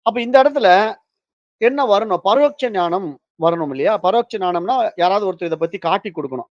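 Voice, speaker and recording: A male spiritual teacher explains a philosophy text by telling a story and acting out its quotes. His voice sits high for a man. The recording is dry and close, with muffled, lo-fi sound. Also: animated, fairly quick, no echo.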